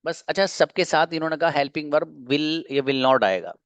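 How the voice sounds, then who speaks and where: A man's voice: on the high side, moderate pace, no echo. A man teaching an online grammar lesson. He, asks questions and answers them himself, and repeats each example patiently. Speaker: English teacher.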